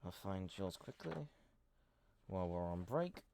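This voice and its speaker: A man's voice: low-pitched, sing-song, normal speed, background noise. A man hosting a live group reading over voice chat on a headset, teasing and swearing freely. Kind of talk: casual banter among friends.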